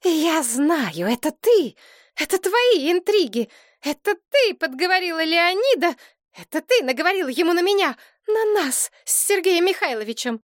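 A shrill, wailing widowed mother of middle age, voiced by a woman narrator, her voice climbing high into sobbing outbursts. The voice sits far above the reader's own and is recorded dry and close. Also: very animated, a little slow, no room sound. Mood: accusing.

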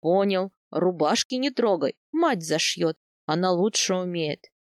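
Easygoing, teasing young groom, low and dry audiobook read; a woman plays him. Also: lively intonation, a little slow, no room sound. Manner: bantering, easygoing. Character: young steppe husband, teasing and playful. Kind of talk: audiobook character voice.

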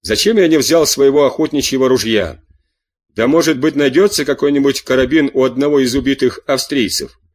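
A man's voice: mid-range voice, brisk, lightly acted. A man voicing a fiery farmer who urges soldiers to fight, in an audiobook reading. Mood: frustrated. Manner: urgent, exclaiming, pleading.

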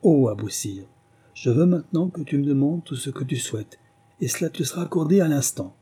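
A man's voice: fairly high pitch, lively intonation, a little fast, dark tone, breathy edge, voice pushed up. A man doing a stern, commanding king. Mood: gracious. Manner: commanding, raised voice. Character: stern imperious male king, unforgiving. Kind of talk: audiobook reading.

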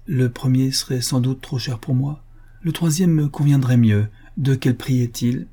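A man reading the part of a reserved young widow, asking careful, polite questions in a measured way. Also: mid-range voice, mellow, natural voice. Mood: guarded.

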